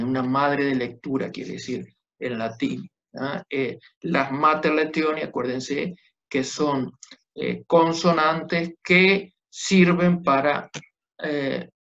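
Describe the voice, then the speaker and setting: In a dull, lo-fi classroom recording, a man lectures on Biblical Hebrew at a whiteboard. His mid-range voice has a fairly bright tone, and he patiently checks that students follow with short tag questions.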